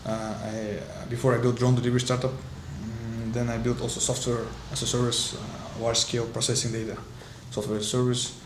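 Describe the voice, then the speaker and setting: Young man from Kazakhstan, halting English. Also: mid-range voice, level tone. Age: 20s. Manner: halting non-native English, fillers. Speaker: startup founder. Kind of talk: casual interview. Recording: roomy echo with clear background noise.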